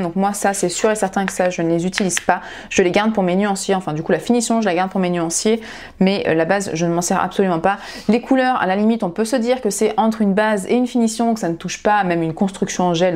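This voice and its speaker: A woman's voice: mid-range voice, darkish tone. Chatty young woman unboxing nail products. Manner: chatty and enthusiastic, gushing over products. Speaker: nail vlogger. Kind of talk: casual haul unboxing vlog.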